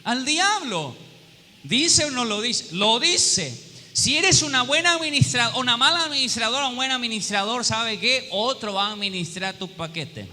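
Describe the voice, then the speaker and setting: A man's voice: very high-pitched, expressive, normal speed, pushed and bright. A pastor preaching a sermon to his congregation, often asking them questions and acting out little quoted scenes with humor. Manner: call-and-response questions to the congregation. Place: church hall. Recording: long hall reverb with faint room noise.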